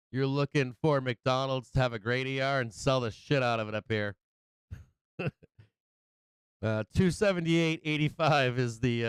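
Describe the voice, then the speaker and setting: A man gives casual live market commentary in a very clear, resonant voice at a medium pitch. He is blunt and profane, talks in trader slang and jokes freely. The sound is close and dry. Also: no room sound. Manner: jokey, chuckles often at own remarks. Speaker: host of a live stock market show.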